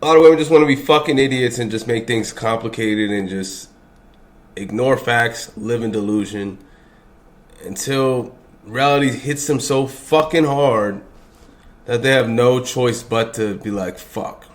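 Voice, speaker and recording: A man reacting to clips with blunt, profane commentary, his voice rising into loud outbursts. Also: medium pitch, unhurried.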